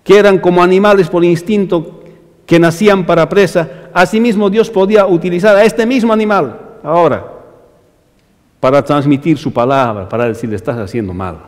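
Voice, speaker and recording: A male pastor preaching a sermon emphatically, rising on repeated phrases and dropping low at the ends of lines, speaking directly to his brothers in the congregation. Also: normal speed, in a large hall.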